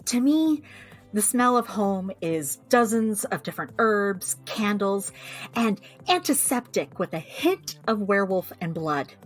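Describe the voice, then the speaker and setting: In an audio drama, an actress with a medium-pitched, sing-song voice plays a chatty, wry young American woman who runs a magical family clinic. Speaking at a measured pace, she records a personal log in a reflective, fond mood.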